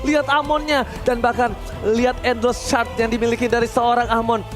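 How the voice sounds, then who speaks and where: High, fast Indonesian man, hyped game announcer. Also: little pitch movement. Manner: hype, shouted drawn-out calls. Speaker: esports shoutcaster. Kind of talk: excited fighting-game announcer style play-by-play commentary. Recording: music behind the voice. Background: music.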